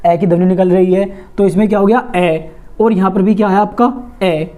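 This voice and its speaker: Woman teacher, warm mellow voice, quizzes the class then answers herself. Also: medium pitch, fairly even intonation, moderate pace. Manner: asks questions and answers them herself, repeating and drawing out sounds. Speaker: Hindi teacher. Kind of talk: grammar lesson for exam students.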